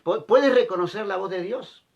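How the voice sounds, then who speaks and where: A man's voice: high-pitched, moderate pace, creaky, muffled recording. A male pastor preaching a sermon, repeating key phrases and asking the listeners rhetorical questions.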